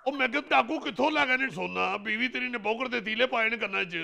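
A blustering, mocking police officer with a Punjabi accent. His voice sits high, with gravelly fry and a bright, forceful edge. He teases and scoffs all through a stage comedy sketch. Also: fast talker, heavily acted. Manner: mocking, bantering with laughs. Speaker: comic actor.

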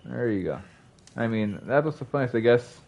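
Excitable swearing young male streamer. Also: medium pitch, normal speed, vocal fry, highs cut off. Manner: excitable, swearing, panicked outbursts. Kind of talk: live gameplay commentary.

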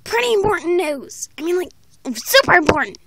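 A woman's voice: very high voice, big pitch swings, fairly quick, background noise, pitched above the performer's own voice, full character voice. A girl putting on a brash cartoon pony voice. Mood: excited.

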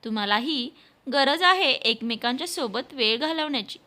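A woman's voice: high voice, lively intonation, moderate pace, bright, forceful tone. A woman voicing a kind older mother-in-law who scolds and dotes at once. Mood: doting. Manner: scolding yet doting.

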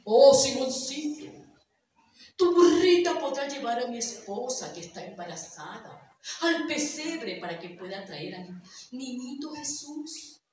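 A woman voicing a gentle, solemn old bearded man who speaks slowly and tenderly, with a lowered voice. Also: animated, a little hiss or hum. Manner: slow, low, tender. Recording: very echoey, from a distance.

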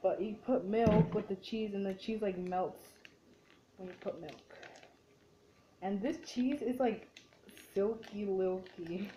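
A young woman from a Mexican family chatting casually while cooking, full of "like" and "dude" and quick to say "ew". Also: mid-range voice, warm tone, slight background noise, low-quality recording. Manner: chatty and easily grossed out, lots of "like" and "dude". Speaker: vlogger. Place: dim home kitchen.

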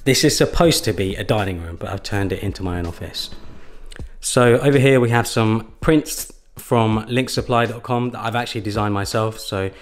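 A man casually walking through his home, chatting in a relaxed way with lots of "sort of" and "you know", recorded on a handheld camera indoors. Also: on the low side, normal speed, slight background noise. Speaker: home tour vlogger. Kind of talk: casual walkthrough narration. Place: small rooms of a house, indoors.

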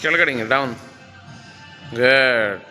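A man's voice: medium pitch, takes it slowly, sharp tone, big-room sound, faint music behind. A man working as a fitness trainer, counting reps and coaxing and teasing his client through a workout in a gym. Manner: counts reps, coaxes and teases the client playfully.

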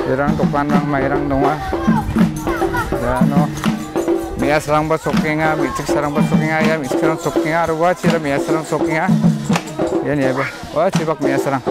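Garo-accented man, a bit high-pitched, rambling casual vlog narration, outdoors on a phone, music bed. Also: little pitch movement, moderate pace, pauses often. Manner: rambling, repetitive, addresses viewers directly. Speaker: vlogger. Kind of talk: casual walking tour narration. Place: outdoors by a village pond.

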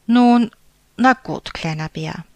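A woman voicing a big, caring grown bear in a storybook, calling out loudly and indulgently. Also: medium pitch, slow pace, dry recording, pitched above the performer's own voice. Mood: gentle. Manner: loud calling, warmly indulgent.

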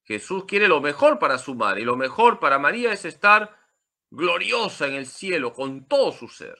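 Lively bright-voiced priest. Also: male voice, fairly high pitch, moderate pace. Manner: emphatic, lively teaching with humor. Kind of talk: Marian catechesis talk.

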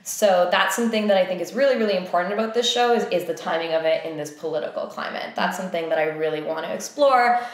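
A woman's voice: lowish voice, fast talker, hardly any pauses. A young woman, a theatre company co-founder and director, talking casually and thinking aloud with lots of fillers. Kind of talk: casual conversation. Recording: very echoey room.

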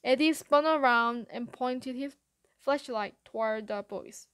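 Woman reader, high voice, unhurried first-person novel narration. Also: fairly bright tone, smooth. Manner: measured first-person storytelling. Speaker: audiobook reader.

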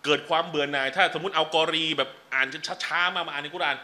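Bright-voiced man giving a chatty lecture. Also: a little high, quick pace. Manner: chatty, joking asides, switches to formal teaching points. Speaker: Islamic teacher. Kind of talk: casual religious lecture. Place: lecture venue.

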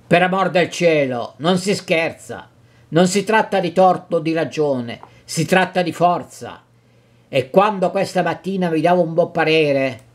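A man voicing a timid, fearful elderly village priest who pleads and stammers, in a dramatic reading of a novel. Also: on the high side.

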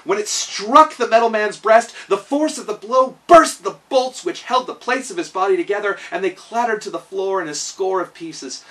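A man in his thirties, a storyteller and host, reads a children's story aloud emphatically in a small room at home. His high, pushed, bright voice moves at a moderate pace with barely any pauses, captured by a distant mic.

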